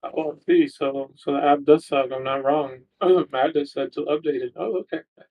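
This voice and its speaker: A man's voice: on the high side, fairly even intonation, moderate pace, warm tone. A man chatting on a call with a tinny, tin-can sound, teasing and complaining in casual trading banter. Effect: tinny tin-can sound over a remote call. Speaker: day trader on a group stream. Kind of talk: casual chat. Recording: dull, distant call audio.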